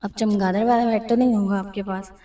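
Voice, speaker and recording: Urdu-accented woman teacher, patient and repetitive, mellow tone, roomy sound from a distant mic. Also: mid-range voice, steady tone, a little fast. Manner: patient, repeats key points, mixes English terms into her talk. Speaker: English teacher. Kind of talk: explaining a lesson over slides.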